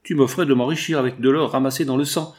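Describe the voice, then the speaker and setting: A man's voice: medium pitch, steady tone, quick pace, pitched above the performer's own voice, natural voice. A man voicing a desperate, indignant young mother in a storybook reading. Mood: outraged. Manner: outraged, pleading.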